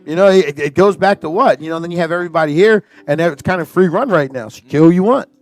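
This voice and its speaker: A man talking on a casual panel show, emphatic and quick to restart his phrases. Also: fairly high pitch, soft background music.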